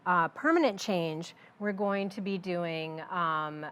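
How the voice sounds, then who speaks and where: A woman chef explaining a recipe during a cooking demo, relaxed and practical, with frequent fillers. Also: on the low side, takes it slowly, clean tone.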